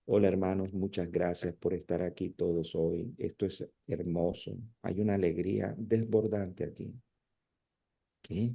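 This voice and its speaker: A man puts on a sleepy preacher who never lifts his voice, low and hushed. Every phrase sits on the same flat note with a mellow, dark color. It is mock sermon delivery for a lecture. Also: a little slow, creaky, husky, heavily acted. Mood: droning. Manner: flat, quiet, unchanging delivery. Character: dull monotone male preacher droning softly.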